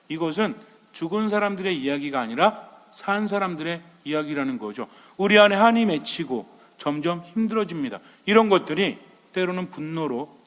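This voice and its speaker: Male priest, sermon, talks casually, asks questions, somewhat high voice, long reverb. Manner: conversational, asks the audience rhetorical questions.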